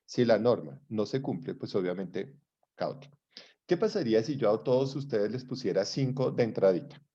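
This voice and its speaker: A man's voice: fairly low pitch, expressive, normal speed, mellow, breathy edge, highs cut off. A middle-aged man with a Colombian accent lecturing a psychology class online in a conversational way, often checking that his students follow.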